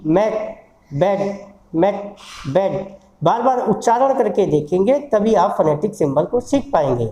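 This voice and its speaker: A teacher with a mellow, middle-pitched voice leads a recorded lesson on phonetic symbols, saying each example word slowly and more than once. The sound carries a roomy echo. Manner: repeats words slowly to model pronunciation. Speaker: English teacher at a law institute.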